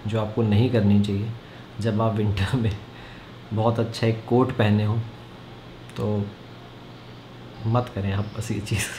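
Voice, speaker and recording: A man's voice: on the low side, little pitch movement, a little slow, long pauses. A young man talking to camera in a dry, matter-of-fact way, explaining a joke to his viewers. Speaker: vlogger. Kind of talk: joking narration to camera. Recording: roomy with background noise.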